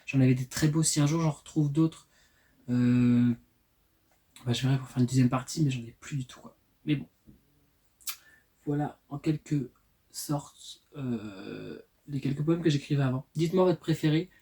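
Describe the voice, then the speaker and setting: A man in his twenties hosts his channel, reading his own poems aloud and slipping in candid, self-mocking asides. He speaks softly and unhurriedly in a mid-range voice.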